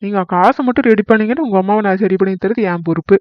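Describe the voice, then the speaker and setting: A man's voice: high-pitched, fast, no room sound, highs cut off, close to an everyday voice. A man voicing a greedy village doctor in a cartoon comedy, who sounds reassuring but keeps steering toward the money. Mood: smooth.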